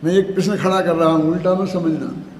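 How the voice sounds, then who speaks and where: High-voiced older man lecturing in an echoey hall. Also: level tone. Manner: explains slowly, chants verses, asks the audience questions. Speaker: Jain scripture lecturer. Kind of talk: scripture discourse. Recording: echoey hall, faint background noise.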